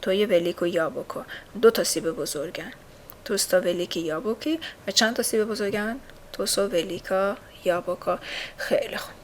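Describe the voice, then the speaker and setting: A woman in the middle of her range walks learners through a language lesson. She says each word slowly and repeats it for practice. A faint hiss of noise sits under her voice. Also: mid-range voice. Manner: patient, repeats words slowly and drills learners. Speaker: language teacher.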